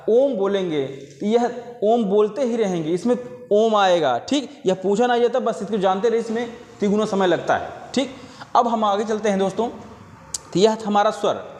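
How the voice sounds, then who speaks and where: High-voiced man teaching in an echoey room. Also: darkish tone. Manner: repeats definitions, addresses viewers as friends. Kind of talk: exam-prep grammar lesson. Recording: echoey room with long reverb.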